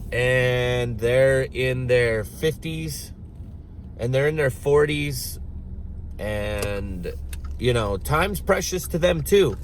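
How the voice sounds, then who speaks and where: A man in his thirties ranting casually to camera as a vlogger, slow and rambling, with frequent swearing and throat-clearing. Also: a little high, a little hiss or hum, poor audio. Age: 30s.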